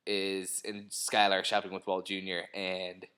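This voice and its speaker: A man's voice: low-pitched, completely flat delivery, unhurried, pushed and bright, smooth. A young man co-hosting a casual commentary chat about a TV episode, joking around and trying out mock impressions. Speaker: podcast co-host.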